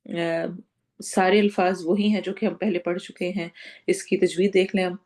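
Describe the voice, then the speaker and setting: Slow, careful woman teaching Quran recitation. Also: fairly low pitch, fairly even intonation, darkish tone. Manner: explains word by word, drawing out recited words slowly; mixes English words into Urdu. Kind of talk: Quran lesson with tajweed and translation.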